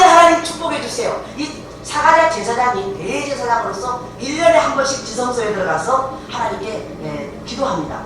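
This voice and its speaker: Animated woman pastor preaching in echoey hall. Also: fairly high pitch. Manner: animated, laughs often, acts out biblical voices. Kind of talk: sermon. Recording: echoey hall, voice from far off, faint noise.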